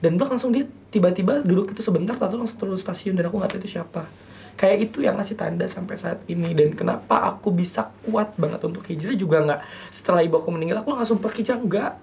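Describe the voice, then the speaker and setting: A young man, a talk show guest, telling a personal story in a halting, earnest way and acting out remembered dialogue. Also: high-pitched, creaky, a little mellow, a little hiss or hum.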